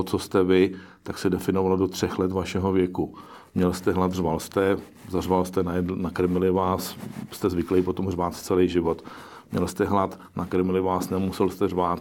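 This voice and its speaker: A middle-aged man with a very low voice speaks in a flat, even tone. He is being interviewed about his work as an investor. He talks in a pragmatic, musing way, often breaking off and restarting his sentences. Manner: pragmatic, musing, self-correcting. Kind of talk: interview answers.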